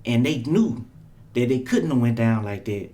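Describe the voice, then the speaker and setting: A man's voice: medium pitch, expressive, normal speed, warm tone. A man co-hosting a podcast, earnest and repeating words as he gets going. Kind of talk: casual podcast conversation.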